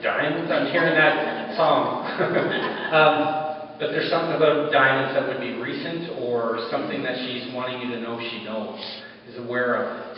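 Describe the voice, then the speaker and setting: A man working as a psychic medium, giving a live reading to an audience in a blunt, joking, mildly crude way. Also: fairly high pitch. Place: community hall with audience. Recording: distant, echoey, dull and noisy hall recording.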